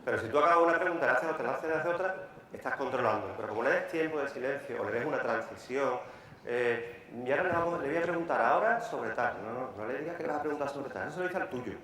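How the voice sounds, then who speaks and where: A man with a Peninsular Spanish accent, a lawyer giving a live workshop lecture, talking briskly and repeating key words for emphasis. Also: mid-range voice, fairly bright tone. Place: large conference hall. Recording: echoey hall, faint room noise.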